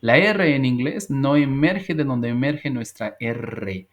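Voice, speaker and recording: A man teaching an English class over a video call, patient and repetitive as he drills pronunciation. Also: medium pitch. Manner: patient, drills pronunciation slowly and repeats words. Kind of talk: online class lesson.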